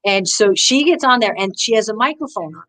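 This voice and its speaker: A woman golf teacher, a guest in an interview, tells stories with enthusiasm in a medium-pitched, slightly fast voice, acting out people's quotes with lively voices. She restarts often and says "you know" a lot, and the audio is poor.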